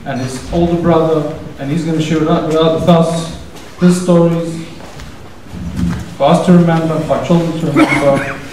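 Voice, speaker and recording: As organizer and host of the evening, a man gives a casual, rambling introductory speech in a synagogue hall, telling a story conversationally. His voice is on the high side and steady at a normal speed, recorded with background noise through a distant mic in a very echoey hall.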